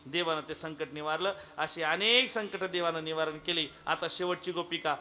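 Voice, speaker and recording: With a fairly high pitch and normal speed, a man gives a humorous, lively devotional kirtan sermon built around a comic story, naming listeners as he goes.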